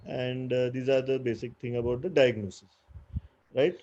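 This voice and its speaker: A man's voice: medium pitch, fairly even intonation, moderate pace, a little mellow, dull audio. A man with an Indian English accent, a doctor teaching postgraduates in an online clinical lecture, explaining step by step with many "uh"s and "right?" tags. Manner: explanatory, with frequent "uh" and tag "right?".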